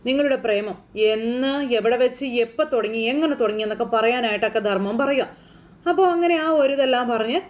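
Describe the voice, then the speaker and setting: A woman from Kerala walks through a TV serial episode scene by scene in a loose, conversational way. She talks fast, her voice sitting a little high. She rambles and keeps checking in with the listener. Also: darkish tone. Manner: chatty, rambling retelling with frequent "you know" tags. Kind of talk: casual spoken recap of a TV serial.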